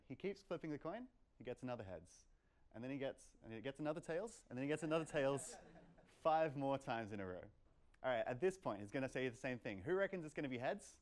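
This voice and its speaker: Speaking a little fast in an animated, slightly high voice, a playful young man presents to a meetup. His informal talk, given indoors in a medium-sized lecture room with audience questions, is conversational and peppered with "like" and "kind of."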